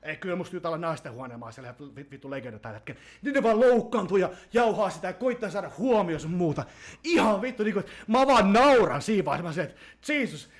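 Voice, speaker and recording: Man, podcast host, very high voice, lively swinging pitch, heated profane rant. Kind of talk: ranting podcast talk.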